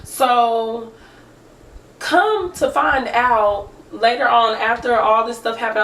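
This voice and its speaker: A young woman chats through a storytime vlog, animated and talking straight to her viewers. Her voice sits a touch high and reaches the mic from a little way off. The room around her sounds roomy and echoey. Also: recorded from a distance, a little hiss or hum. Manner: animated, chatty, addresses viewers directly. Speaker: vlogger. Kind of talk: casual storytime chat. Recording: roomy echo, speaker away from the mic.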